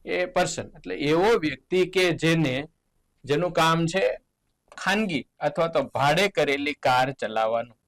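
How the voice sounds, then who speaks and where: A man with a Gujarati accent teaching an exam solution lesson, explaining words slowly, spelling out letters and tossing in playful asides. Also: gravelly, poor audio. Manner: lively, jumps in pitch on key words. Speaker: English teacher.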